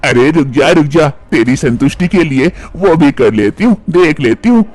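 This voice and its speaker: A man's voice: a little high, lively intonation, moderate pace, darkish tone. A man doing a bossy scolding mother-in-law. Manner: nagging, scolding.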